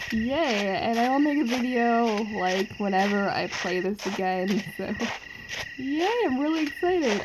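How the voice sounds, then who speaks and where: A woman chatting excitedly and giggling as she plays a scary mobile game, rambling casually between jumps of fright. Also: medium pitch, background noise.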